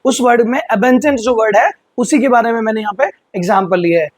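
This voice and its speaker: A man teaching English vocabulary in Hindi, explaining patiently and slowly repeating words for pronunciation. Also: very high-pitched, no room sound. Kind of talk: vocabulary lesson.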